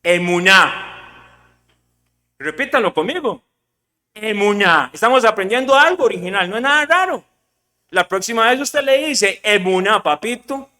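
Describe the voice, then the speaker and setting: Pastor, male, high bright voice, lively questioning sermon delivery, long hall reverb. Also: brisk. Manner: lively preaching, rhetorical questions to the congregation, mixes in English words.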